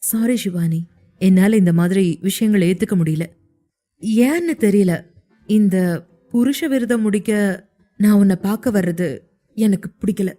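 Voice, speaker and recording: A woman voicing a troubled young police officer in an audio story, apologizing in a quiet inner monologue. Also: medium pitch, unhurried, pauses often, faint music behind, pitched below the performer's own voice, natural voice. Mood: regretful.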